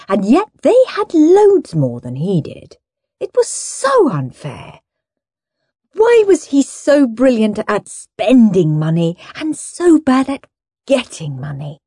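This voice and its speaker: A woman narrating a children's audiobook in an expressive, playful manner. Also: medium pitch, breathy edge, dry recording, studio quality. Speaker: audiobook reader.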